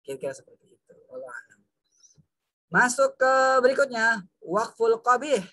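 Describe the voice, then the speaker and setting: A male teacher from Indonesia explains a lesson to his pupils in an easygoing, chatty way, dotted with fillers. His voice is bright and forward, recorded dry and close with no room sound. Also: extremely high pitch, big pitch swings, normal speed, no room sound. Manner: chatty, addresses pupils as "Nak", many fillers. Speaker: religious studies teacher. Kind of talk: online class lesson.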